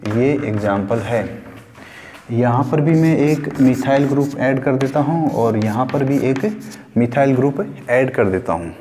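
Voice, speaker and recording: A male chemistry teacher talks through an online lesson, speaking Hindi with English terms mixed in. He repeats key words and asks the class questions. His voice is dark and mellow, with a long reverb trailing behind it. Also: mid-range voice, a little slow, a little hiss or hum.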